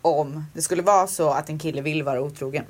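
A pregnant woman co-hosting a podcast, chatting casually with frank opinions and lots of fillers. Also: deep voice. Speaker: podcast co-host. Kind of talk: casual chat.

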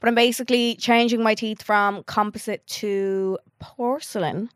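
A woman's voice: medium pitch, fairly even intonation, a little slow, dry recording, clean studio sound. A young Irish woman co-hosting a podcast, talking in a chatty, gossipy way with a slight lisp. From Ireland. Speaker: podcast co-host. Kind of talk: casual chat.

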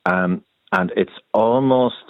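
A middle-aged man with a soft-edged Sligo Irish accent chatting as a radio caller, halting and repeating words, over the phone. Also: on the low side, no echo. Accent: Sligo Irish, diluted. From Sligo area, Ireland. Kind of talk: casual chat. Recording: phone line to radio show.

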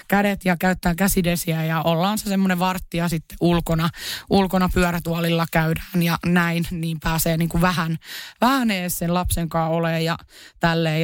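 Woman co-host, casual chat, self-mocking, filler-heavy, smooth resonant voice, dry close sound. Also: lowish voice, dry recording. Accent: Finnish. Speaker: podcast co-host.

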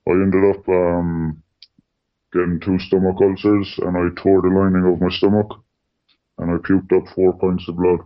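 An anonymous man on a radio interview keeps a level tone and moderate pace, speaking plainly and matter-of-factly with frequent "like" and "you know." His voice is run through a deep distortion filter to hide it. The recording has a dull, lo-fi quality.

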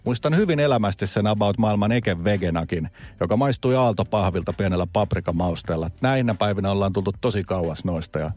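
A man's voice: fairly low pitch, hardly any pauses, darkish tone. A man co-hosting a radio show, chatting playfully in casual banter. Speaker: radio co-host.

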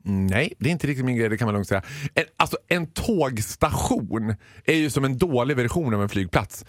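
A man's voice: mid-range voice, no room sound. A man in his thirties doing casual radio banter, telling stories with lots of acted-out dialogue. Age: 30s. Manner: animated storyteller, acts out dialogue. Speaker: radio show regular.

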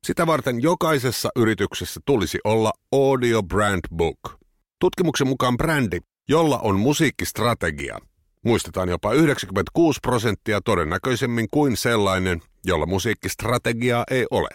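A man narrating a scripted essay for his podcast in a measured, reflective way. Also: fairly low pitch, lively intonation, no echo, clean studio sound.

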